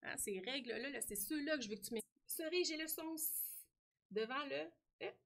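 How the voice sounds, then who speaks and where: Lively Québécois woman teaching children. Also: sits high, normal speed, gravelly. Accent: Québécois French. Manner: lively, talks directly to the child, frequent "hein?". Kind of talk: French lesson for young children.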